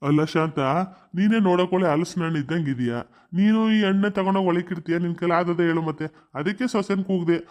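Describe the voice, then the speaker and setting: A doting old village landlord, voiced by a man in a cartoon comedy. He talks fast in a raised voice, fond and teasing toward his family. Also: high-pitched, darkish tone, close to an everyday voice.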